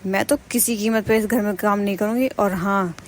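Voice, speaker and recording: A woman's voice: mid-range voice, steady tone, a little fast, natural voice. Woman doing a sassy young bahu, bossy and mouthy, lectures everyone, cartoon voice. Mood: defiant. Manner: defiant, lecturing. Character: defiant young daughter-in-law, brash and boastful. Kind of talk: animated cartoon voice acting.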